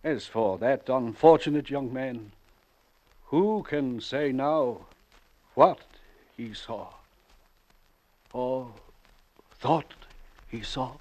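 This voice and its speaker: An actor playing a frail elderly doctor in a 1940s radio drama, speaking slowly and gravely. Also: male voice, mid-range voice, a little mellow. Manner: slow, measured, grave delivery. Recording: dull old radio broadcast.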